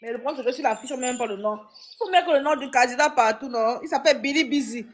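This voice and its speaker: A woman with a high, lifted voice hosts a casual live stream. She talks in animated bursts, full of dramatic exclamations. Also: quick pace, slight background noise.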